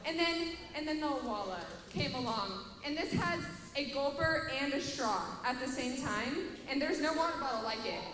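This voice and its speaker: A woman's voice: sits high, expressive, moderate pace, hardly any pauses. A young woman on youth staff giving a chatty, upbeat talk to a room of middle schoolers, speaking straight to the kids. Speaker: youth pastor. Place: large hall with students. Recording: echoey hall, crowd of kids.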